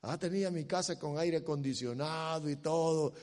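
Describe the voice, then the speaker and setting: A male preacher delivering a sermon, swinging from loud exhortation to soft, quiet asides. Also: a little high, normal speed. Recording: long hall reverb.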